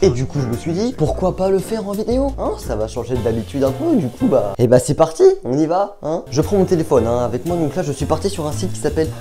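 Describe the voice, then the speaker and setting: A man's voice: fairly high pitch, very animated, fast talker, few pauses, warm tone, faint music behind. A young man chatting casually to his viewers while thinking aloud, hesitant and chatty. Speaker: youtuber. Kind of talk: casual vlog chat.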